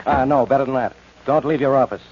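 An American actor playing a curt, bossy, suspicious police inspector in a 1940s radio drama. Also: male voice, mid-range voice, fast talker, crowd noise, natural voice. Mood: bossy, barking. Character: gruff, blustering, suspicious male police inspector. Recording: muffled old radio recording.

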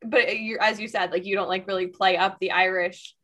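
A woman's voice: mid-range voice, steady tone, a little fast, sharp tone. A young American-sounding... no: a young woman hosting a casual talk, speaking in a mid-range voice with loose, filler-heavy phrasing. She shares her own stories and asks long, wandering questions. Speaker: podcast host, stand-up comedian. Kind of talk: casual interview chat.

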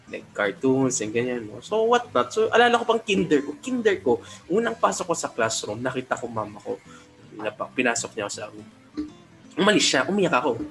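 A young man co-hosting a podcast, telling childhood stories in lively Tagalog and acting out quoted dialogue. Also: mid-range voice, a little fast, gravelly, faint music behind. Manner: animated storyteller, acts out quoted dialogue. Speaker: podcast co-host. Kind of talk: casual storytelling.

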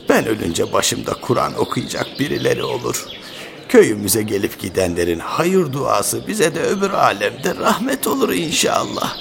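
A creaky, grumbling old village patriarch, radio play. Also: male voice, medium pitch, noisy background. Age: older. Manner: grumbling, scolding, rhetorical questions. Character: cantankerous village patriarch, old man with failing eyes. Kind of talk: radio theatre acting in folksy rural speech.

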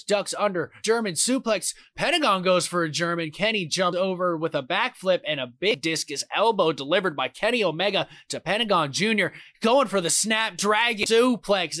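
A man doing wrestling play-by-play commentary as a commentator, calling each move and exclaiming excitedly at the big ones. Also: high voice, no echo.

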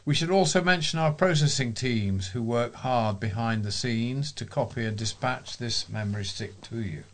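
A man with a croaky, hoarse voice, reading local news in a formal, measured way as a volunteer reader. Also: medium pitch.

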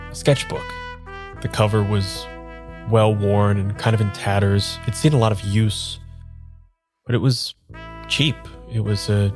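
A male actor leads an improvised audio drama as an uneasy amnesiac man, apologetic and wistful, narrating his search in first person and in dialogue. His natural, lowish voice is halting and hesitant, and he repeats himself, all over a music bed.

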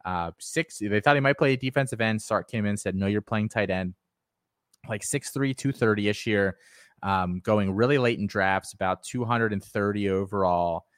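A man with a lowish voice hosts a casual sports podcast and talks through his picks with confidence. His voice is recorded close and dry, with no room sound. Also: moderate pace, fairly bright tone, smooth, no echo. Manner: confident, gives firm picks and advice. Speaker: podcast host. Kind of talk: casual sports analysis chat.

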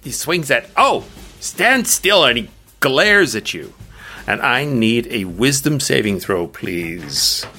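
A man's voice: medium pitch, lively intonation, slow, bright, forceful tone, slightly rough. A man running a tabletop game as game master, describing the action and patiently explaining rules, laughing often.

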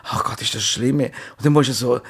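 Swiss German man, mid-pitched, exasperated podcast co-host. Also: fairly quick, gravelly, breathy edge. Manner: ranting, exasperated complaining. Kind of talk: casual chat.

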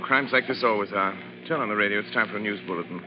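A commanding gentleman sleuth played by a male actor with a low American voice and cool confidence. It is old radio drama, muffled and noisy. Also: quick pace, natural voice. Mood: grave, commanding. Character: commanding, coolly confident gentleman crime-fighter.

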